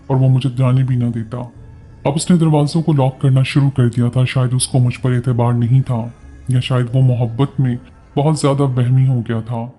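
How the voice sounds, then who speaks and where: A male storyteller with a Pakistani Urdu accent reads a first-person tale in a steady, earnest voice. His tone is very dark and mellow, with faint music under it. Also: medium pitch.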